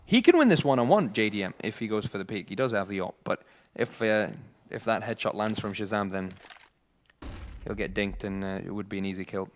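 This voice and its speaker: A man giving lively play-by-play commentary on a competitive shooter match, joking with his co-caster. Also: on the low side, brisk. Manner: lively, jokey banter with co-caster. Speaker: esports commentator. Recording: noisy with game gunfire behind. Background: game gunfire.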